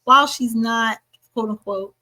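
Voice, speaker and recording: A woman's voice: on the high side, a little slow, rough recording. A woman co-hosting a hip-hop podcast, talking casually and emphatically, often repeating words. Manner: animated, emphatic, repeats herself. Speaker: podcast co-host. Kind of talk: casual chat.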